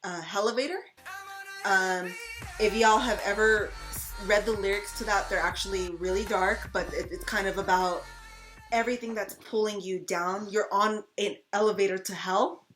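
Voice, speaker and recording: A woman's voice: mid-range voice, fairly even intonation, normal speed, fairly bright tone, faint music behind. A woman co-hosting a casual fan Q&A video, telling long rambling stories full of fillers and restarts. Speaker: channel co-host.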